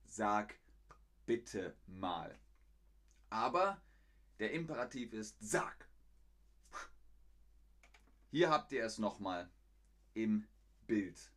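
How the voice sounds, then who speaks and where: A man teaching German on a live stream, speaking slowly in short, simple phrases for learners, reading chat messages aloud and barking loud example commands. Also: on the low side, big pitch swings. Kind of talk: live-stream language lesson.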